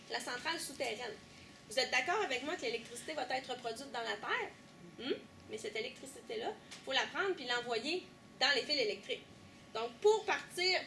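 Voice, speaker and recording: A young woman with a Québécois accent guiding a tour group through an underground power station, lively, asking questions and teasing. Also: sits high, slight background noise. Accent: Québécois French. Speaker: tour guide. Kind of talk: guided tour explanation.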